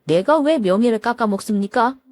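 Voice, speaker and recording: A woman voicing an older man who heads a law firm and speaks calmly and firmly as a protective father. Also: fairly high pitch, fairly quick, close to an everyday voice.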